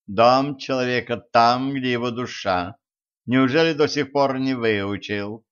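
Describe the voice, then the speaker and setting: A man's voice: medium pitch, measured pace, a bit bright, clear, resonant tone, natural voice. A man doing a reproachful storybook woman. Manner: reproving, teacherly. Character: calm woman, reproachful, moralizing. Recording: dull lo-fi recording.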